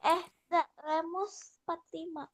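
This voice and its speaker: A female student on a video call, asking quiet, hesitant questions. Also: extremely high pitch, little pitch movement, unhurried.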